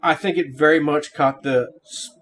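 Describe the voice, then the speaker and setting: A man's voice: a little high, steady tone, moderate pace, fairly bright tone, slight background noise. A middle-aged man hosting a gameplay series, talking casually as he reviews a game.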